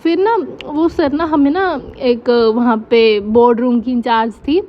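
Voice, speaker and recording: A young woman telling a college story in a casual storytime, chatty and animated, acting out the dialogue. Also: a little high, unhurried, highs cut off. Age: young adult.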